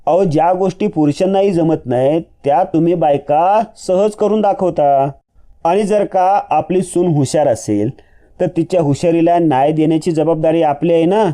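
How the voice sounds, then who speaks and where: A man's voice: a little high, moderate pace, dark tone, lightly acted. A man voicing a kindly older father-in-law who argues patiently and persuasively.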